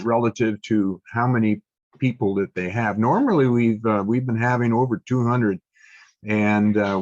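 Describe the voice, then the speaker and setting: A man's voice: on the low side, highs cut off. An older man hosting a club meeting and reading out announcements, stopping often with ums and uhs. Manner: halting, many ums and uhs. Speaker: meeting host.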